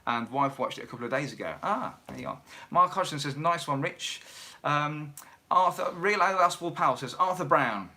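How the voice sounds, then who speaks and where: Casual home livestream host, guy, a bit high-pitched, chatty, reads out comments. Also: lively intonation, moderate pace, sharp tone.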